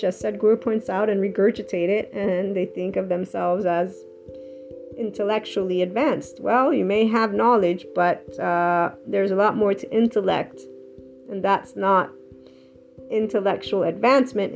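A woman with a gravelly, creaky voice talks earnestly and a little ramblingly about emotions. Her sound is slightly muffled, and soft guitar music plays faintly behind her. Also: medium pitch. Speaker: self-help speaker. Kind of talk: reflective solo talk on emotions.

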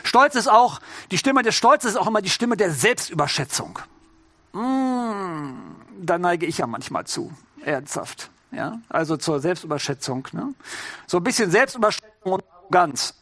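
A middle-aged man delivering a sermon in a loose, conversational way, as if chatting with his congregation. His voice sits fairly high and he keeps checking in with them through little rhetorical questions. The sound is dry and close, with no room echo. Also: sing-song, normal speed, a bit bright. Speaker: preacher.

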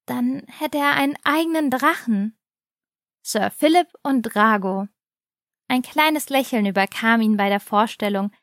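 Woman storyteller, children's story, slow, slightly high, dry close sound. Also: dry recording. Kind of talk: reading a children's advent story.

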